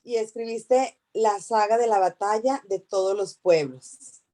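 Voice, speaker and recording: Woman interviewer, slow and mellow, short questions. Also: medium pitch. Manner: brief prompting questions.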